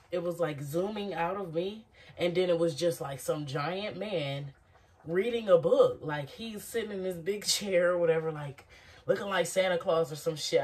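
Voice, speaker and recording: A woman's voice: deep voice, darkish tone, far from the mic. A woman in her thirties chatting to camera in a small home kitchen in a loose, reflective, rambling way. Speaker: vlogger. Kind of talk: casual chat to camera while cooking. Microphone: phone camera propped on counter.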